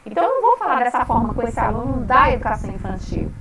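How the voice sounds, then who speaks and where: A woman's voice: a little high, sing-song, racing, reverberant, recorded from a distance, crowd noise, rough recording. A woman teacher giving an online lecture, explaining patiently and checking in with her students.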